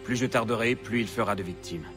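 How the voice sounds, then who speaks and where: An actor playing a grim, determined fighter in a game, speaking in a terse and grave manner. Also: male voice, fairly low pitch, brisk, over music, close to an everyday voice. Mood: grim, resolved. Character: grim, determined male fighter blaming himself. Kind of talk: dramatic video game dialogue.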